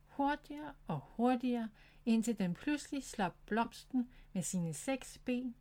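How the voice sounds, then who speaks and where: A woman narrating a children's story in a gentle, clear reading voice. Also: fairly high pitch.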